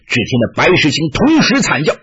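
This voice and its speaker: A man narrating a martial-arts tale with dramatic, animated delivery. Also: fairly high pitch, a little fast, slightly rough. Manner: animated, rising and falling with the action. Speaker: storyteller. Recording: muffled lo-fi recording.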